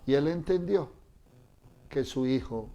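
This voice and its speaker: A man's voice: mid-range voice, takes it slowly, creaky, dark tone, lo-fi sound. A man preaching a sermon, retelling the story dramatically and asking the congregation rhetorical questions.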